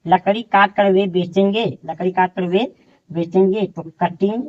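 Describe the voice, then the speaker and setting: Slow, dictating male Hindi teacher. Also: sits high, steady tone. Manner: slow, repeats each word as if dictating. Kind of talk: slow Hindi grammar lesson, dictating sentences. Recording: dull lo-fi sound.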